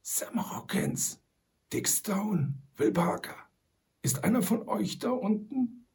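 A man voicing a calm, resolute male frontier hero who gives hushed, terse commands. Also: fairly high pitch, normal speed, creaky, pitched above the performer's own voice. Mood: hushed, urgent.

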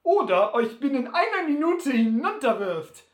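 A brash, boastful bully, as a reader puts him on, loud and scornful. He swings up and down in pitch as he blusters. The sound is roomy. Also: sing-song, moderate pace. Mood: mocking. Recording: roomy echo.

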